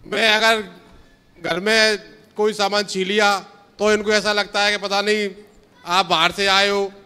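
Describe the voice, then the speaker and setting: A man with a sharp, crisp, high voice complains as he explains a household grievance. His voice carries a long echo in a large hall. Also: flat delivery, unhurried. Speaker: audience member asking a question. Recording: reverberant hall.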